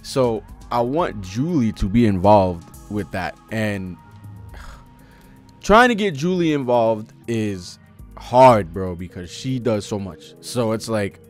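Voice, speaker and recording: Live from a cluttered room at home, a young American manga reaction host offers casual, profane, slang-heavy commentary into a close desktop microphone. His voice is on the low side with lively intonation, and he speaks slowly and expressively. Soft music plays behind him.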